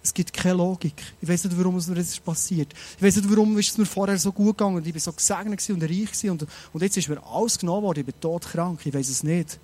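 A man preaching a sermon, animated and speaking straight to his listeners with many rhetorical questions. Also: high-pitched, fast, few pauses.

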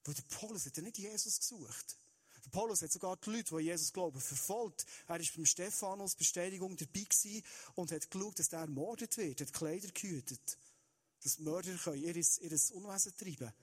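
High-voiced earnest preacher man. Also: fairly quick, breathy edge. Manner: earnest, direct address to listeners, shifting pace. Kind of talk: Easter sermon.

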